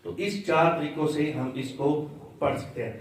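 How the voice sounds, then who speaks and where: A male religious teacher giving a live class on prayer recitation. He repeats words slowly to correct how they are pronounced. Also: fairly high pitch. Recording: very echoey room, voice far from the mic.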